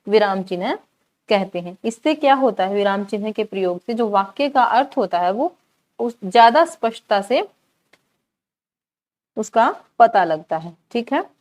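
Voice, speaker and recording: A woman teaching a grammar lesson for exam preparation, asking the class questions and answering them herself while repeating key words slowly. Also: medium pitch, lively intonation, a little mellow.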